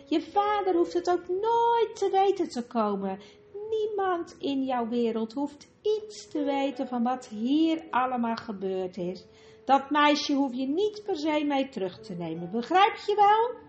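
A woman's voice: big pitch swings, measured pace, darkish tone, lo-fi sound. A woman voicing a cruel, scheming female witch in a storybook reading, coaxing and scornful. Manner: coaxing then shrill and scornful.

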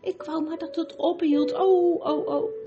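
A woman's voice: very high-pitched, fairly even intonation, a little slow, voice pushed up. A woman doing a pleading, frightened schoolgirl. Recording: dull recording with music behind.

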